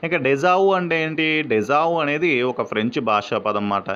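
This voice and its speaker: A man's voice: fairly high pitch, expressive, normal speed, fairly bright tone, smooth. A man giving an exam revision lesson. He asks questions and then answers them, dropping English phrases into his talk. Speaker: exam-prep teacher. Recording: dull, lo-fi recording.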